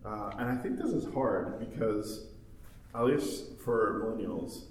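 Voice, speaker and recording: A man's voice: on the low side, animated, a little slow, darkish tone. A man in his thirties talking casually in a group discussion, rambling with many fillers and laughs. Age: 30s. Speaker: study group member. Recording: roomy, distant mic, faint noise.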